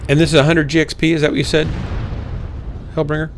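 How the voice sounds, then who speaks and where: A man's voice: on the high side, flat delivery, fast, slight background noise. A man hosting a live game stream, chatting casually in a joking, drily teasing way. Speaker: streamer and host.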